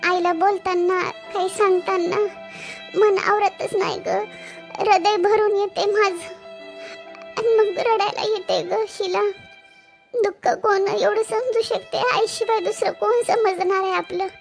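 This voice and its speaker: A woman's voice: extremely high pitch, fairly even intonation, unhurried, vocal fry, soft background music, heavily acted. A woman voicing a tearful young married woman, a new mother, who sobs and pleads, in a cartoon. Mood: weary. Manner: sobbing, pleading. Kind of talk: cartoon voice acting.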